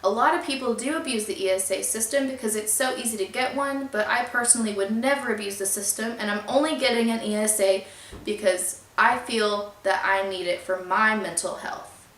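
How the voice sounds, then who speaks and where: A woman's voice: on the high side, fairly quick, fairly bright tone. Young woman telling a storytime vlog. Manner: earnest, upset, trying to stay polite. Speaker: vlogger. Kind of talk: storytime vlog, reading out emails. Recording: echoey room.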